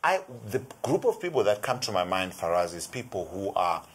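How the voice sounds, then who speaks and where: Middle-aged South African man on a studio shopping show; his voice sits low and sounds a touch husky. He explains with eager energy, looping through "you know" as he builds each point. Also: very animated, brisk. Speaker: resident health expert. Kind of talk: TV shopping product talk. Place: TV studio set.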